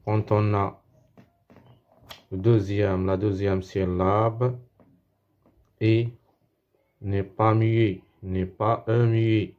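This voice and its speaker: A male teacher with a Moroccan accent explaining a French spelling lesson slowly, repeating words and restarting as he goes. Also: lowish voice, level tone, narrow, tinny audio. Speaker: primary school French teacher.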